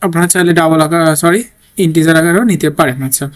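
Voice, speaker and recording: A man's voice: fairly high pitch, fairly even intonation, fast talker. A man teaching a programming lesson while typing code, thinking aloud and often checking in with "okay?". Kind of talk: screen-recorded coding tutorial.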